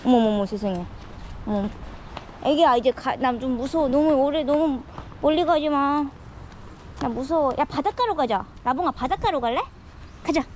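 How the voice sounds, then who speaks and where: High-voiced woman chatting to a dog outdoors. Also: animated, moderate pace, pauses often, a little mellow, a little hiss or hum. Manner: chatty, talks to the dog, mock-scared squeals. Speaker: vlogger walking a dog. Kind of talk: casual self-talk monologue. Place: outdoors on a rural seaside road.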